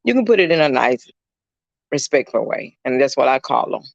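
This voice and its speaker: A middle-aged caregiver chats casually on a livestream from indoors at a client's home, his mid-range voice sing-song, creaky and moderately paced. He rambles, says "you know" a lot and greets viewers by name. There's no echo, but the highs are cut off.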